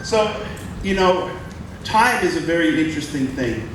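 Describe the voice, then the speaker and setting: A man in his forties hosts a live onstage chat, rambling and restarting as he talks. His voice is caught from a distance in a very echoey live room. A steady noise sits behind him. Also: a little high, measured pace. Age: 40s. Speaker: host. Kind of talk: onstage interview. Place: live event stage.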